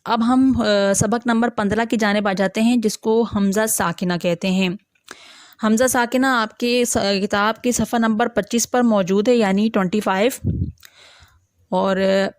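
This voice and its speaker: A woman teacher giving an online Quran reading lesson, patiently explaining step by step, asking her class questions and slowly sounding out letters. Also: mid-range voice, dry recording, studio quality.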